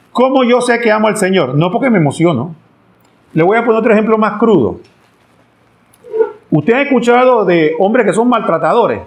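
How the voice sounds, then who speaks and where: A middle-aged man with a notably high voice gives a catechetical talk to pilgrims. He asks the audience rhetorical questions and slips into short acted dialogues. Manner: acts out family dialogues with pleading voices.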